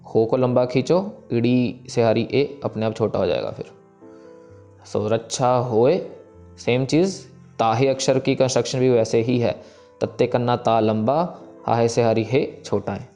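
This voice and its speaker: Patient man teaching slow recitation. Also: mid-range voice, mellow, dull audio. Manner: patient, explains slowly, recites verses drawn out. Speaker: Gurbani pronunciation teacher. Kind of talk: recitation lesson.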